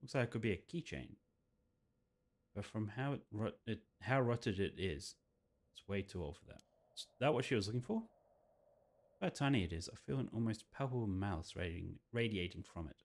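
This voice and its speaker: Over video game music, a man streams a visual novel, reading the text aloud dramatically and adding his own commentary. His voice is on the low side and expressive, at a moderate pace.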